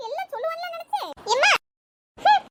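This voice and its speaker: A woman voicing chatty village women in an animated cartoon comedy, in a squeaky sped-up tone. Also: brisk. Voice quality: very high, sped-up chipmunk-like tone. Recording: loud background hiss.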